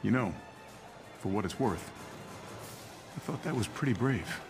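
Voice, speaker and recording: An actor with an American accent playing a kind, steady soldier superhero in a video game, measured and reassuring. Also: male voice, on the low side, music in the background. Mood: kindly. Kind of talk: cinematic video game acting.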